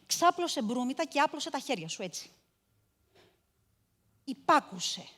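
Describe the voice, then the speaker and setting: In a stage monologue, an actress portrays a cruel, domineering mistress of a house, cold and contemptuous, erupting into shouts. Her female voice is high-pitched and exaggerated, with big pitch swings and a long reverb tail.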